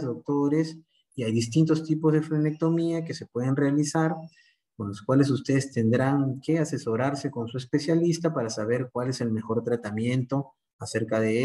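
A man with a Peruvian Spanish accent speaks as a speech therapist addressing parents. He explains at an even, patient pace, softening his words with diminutives and pausing for rhetorical check-ins. His voice sits at an ordinary middle pitch for a man. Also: low-quality recording. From Peru. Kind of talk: informative talk to parents.

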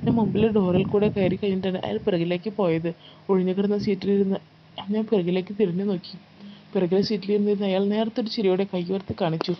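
A woman narrating a first-person life story in a calm, steady storytelling read. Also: medium pitch, quick pace. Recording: slightly muffled with faint background noise.

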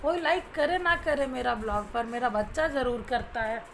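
High-voiced young mother cooing at her baby. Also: moderate pace, slight background noise. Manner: cooing, baby talk, sing-song coaxing. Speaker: vlogger, new mother. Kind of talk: casual home vlog, talking to her baby. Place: home. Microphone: phone camera.

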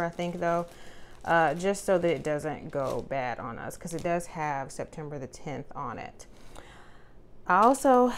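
Woman with a lowish voice, chatting casually. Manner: relaxed, chatty, many fillers. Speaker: vlogger showing a grocery haul. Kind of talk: casual narration over product shots. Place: indoors at a home kitchen counter.

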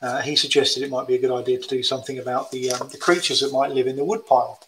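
A tired man chattily showing his children's books, with fillers and gentle rhyme readings. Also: medium pitch, fairly even intonation, fast talker, slight background noise, poor audio. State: tired, yawning. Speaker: children's book author. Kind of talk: casual book presentation with rhyme readings.

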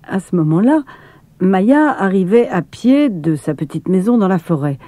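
A woman narrating a children's storybook in a calm, measured reading voice, close to the mic. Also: medium pitch, dry recording.

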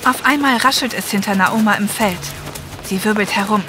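Over music, a woman with a medium-pitched voice reads scripted narration at normal speed for an audio drama. Behind her, helicopter and effects noise are clearly audible, mixed with ambience and vehicles.

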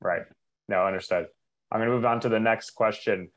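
Polite man moderating questions, low voice. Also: steady tone. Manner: polite, reassuring, slightly rushed. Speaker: webinar moderator. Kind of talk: reading out audience questions.

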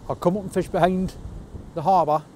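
A man's voice: high voice, fairly even intonation, a little fast, a little mellow. A man, chatting casually and with understated humour as he fishes from rocks at night in wind and rain. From North East England. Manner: chatty, self-deprecating, understated. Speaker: angler vlogger. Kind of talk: casual fishing vlog narration. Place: outdoors on rocky shore at night, wind and rain. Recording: outdoor camera audio with faint wind noise.

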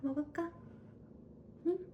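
A woman at home talking to her cat in cooing, soothing baby talk, repeating words softly. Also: slow, echoey room. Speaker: cat owner. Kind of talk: casual talk to a pet. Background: loud background music with piano.

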